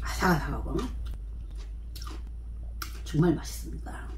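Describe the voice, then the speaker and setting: A woman talking while chewing as she eats on camera, softly describing her food in a casual eating vlog at home. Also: sits low, echoey room, slight background noise. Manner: soft, unhurried, describing food between bites. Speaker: mukbang vlogger.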